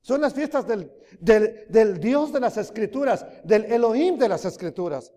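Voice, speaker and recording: Man, sermon, emphatic preacher, loud rises and soft drops, questions to the audience, reverberant hall. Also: sits high, expressive, a little slow. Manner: emphatic, rising and dropping loudly, asks the audience questions. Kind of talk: sermon teaching.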